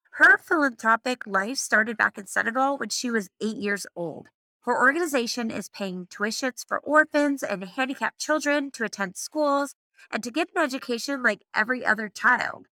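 A woman's voice: a little high, pushed and bright, no echo. A woman hosting a podcast, introducing the show and interviewing in an upbeat style. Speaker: podcast host.

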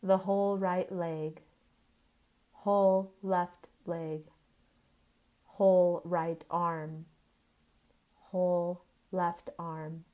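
A woman guiding a yoga nidra relaxation in the soothing manner of a sleep story narrator, in measured short phrases with long pauses. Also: fairly low pitch, level tone, phone-quality sound.

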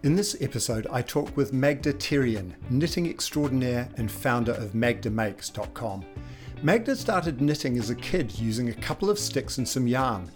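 A man hosts a podcast. His voice is of middling pitch, and he reads his introduction smoothly before moving into relaxed, conversational questions. Faint guitar music plays underneath. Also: normal speed. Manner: scripted, smooth delivery in the intro, then easy conversational asking. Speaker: podcast host.

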